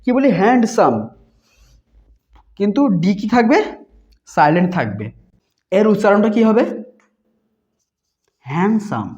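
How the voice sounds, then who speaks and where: Woman teacher with lively questioning. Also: mid-range voice. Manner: spells letters one by one and repeats words slowly; asks questions and answers them herself. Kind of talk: beginner English reading lesson. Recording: dull lo-fi recording.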